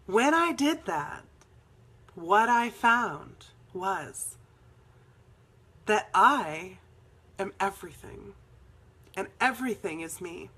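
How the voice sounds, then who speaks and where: Woman, spiritual healing teacher; bright, breathy-husky voice; earnest, rambling personal storytelling. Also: medium pitch. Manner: earnest, rambling, with soft laughs and fillers.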